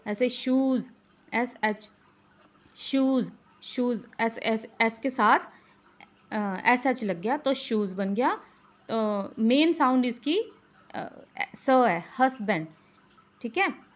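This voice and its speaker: Slow, patient woman teaching phonics. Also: a little high, lively intonation. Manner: slow, repeats words and letter names, many fillers. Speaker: English teacher. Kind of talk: spoken English lesson in Hindi. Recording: dull lo-fi recording.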